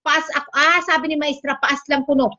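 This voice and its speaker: A woman's voice: high-pitched, little pitch movement, a little fast, sharp tone. A woman hosting a casual livestream, chatting, teasing her guest and reading out viewer comments. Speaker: livestream host. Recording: dull lo-fi stream audio.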